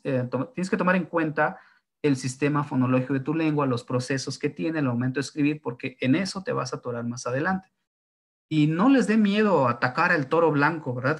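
A linguist whose first language is Zapotec explains a writing system, thinking aloud with fillers and frequent tag questions. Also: male voice, fairly high pitch, a bit bright. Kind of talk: explanatory talk on writing tones.

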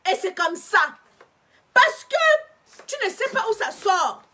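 High, lively Cameroonian woman lecturing. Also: slow. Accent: Cameroonian French. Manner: animated, emphatic, repetitive lecturing. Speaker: Facebook live streamer. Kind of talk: casual live-stream monologue.

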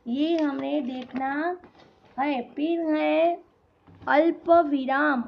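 A woman school teacher giving a classroom lesson, speaking slowly and deliberately and repeating example sentences. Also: high-pitched, creaky. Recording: dull lo-fi audio.

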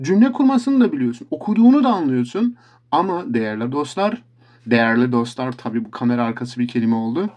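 A man giving a casual video lesson as an English teacher, animated and often addressing his viewers as friends, slowly repeating example phrases for learners. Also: on the high side.

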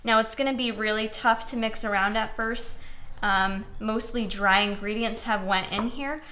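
A woman's voice: a little high, normal speed, bright, forceful tone, a little hiss or hum. Chatty young woman hosting a home-cooking show. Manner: chatty and encouraging, talks while mixing and cutting. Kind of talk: casual cooking demonstration. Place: home kitchen, indoors.

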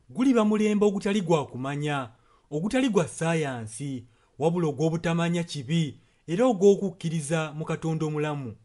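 A man provides consecutive translation of a sermon and prayer, interpreting solemnly phrase by phrase. His voice is slightly high with a darkish tone.

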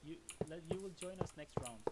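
A woman streaming a game, giving casual commentary with excitable, self-mocking exclamations. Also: sits low, fairly quick, heavy background noise. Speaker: gameplay streamer.

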